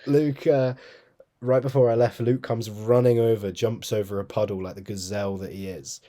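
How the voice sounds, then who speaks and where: A young man with a lowish voice, co-hosting a casual podcast. He talks in a laid-back, easygoing way, often laughing as he tells stories. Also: fairly even intonation, moderate pace, dark tone. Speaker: podcast co-host. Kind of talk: casual chat.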